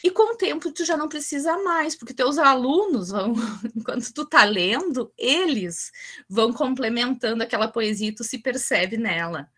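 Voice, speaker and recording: A woman's voice: a little high, lively intonation, normal speed, fairly bright tone. A woman leads a teacher-training lesson on early childhood education. She talks in a chatty, informal way. She often checks in with her listeners. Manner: chatty, asks the group for go-ahead.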